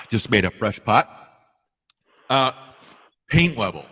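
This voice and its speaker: A man's voice: medium pitch, lively intonation, slow, sharp tone, breathy edge, in a large hall. A man hosting a casual live stream, rambling along and thanking viewers by name.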